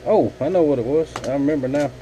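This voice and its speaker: A man's voice: fairly high pitch, fast, warm tone, slight background noise, rough recording. A man, a knifemaker chatting casually and folksily to his viewers from his home workshop. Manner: rambling, folksy, talks to viewers as y'all. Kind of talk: casual vlog chat.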